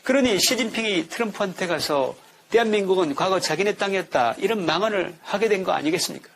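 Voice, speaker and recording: Male commentator, slightly high voice, indignant, rhetorical, reads from a script. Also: animated, quick pace, creaky, a bit bright, slight background noise. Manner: indignant, full of rhetorical questions. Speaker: political commentator.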